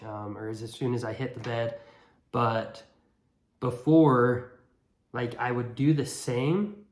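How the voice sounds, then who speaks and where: A man giving a casual, earnest motivational monologue, speaking bluntly and repeating words for emphasis. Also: medium pitch. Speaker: motivational vlogger. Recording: echoey room.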